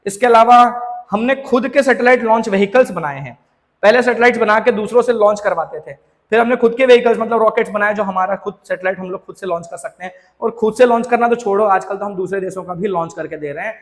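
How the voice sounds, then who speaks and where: A man's voice: high-pitched, fast, in a large hall. A man teaching a school social science lesson, explaining in a chatty, informal way and mixing in English terms. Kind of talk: classroom lecture.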